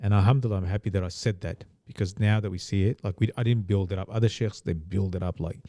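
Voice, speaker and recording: Low, mellow-voiced man chatting. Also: fairly even intonation, dry recording, clean studio sound. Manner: rambling, many restarts and quick agreement. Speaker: podcast co-host. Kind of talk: casual chat.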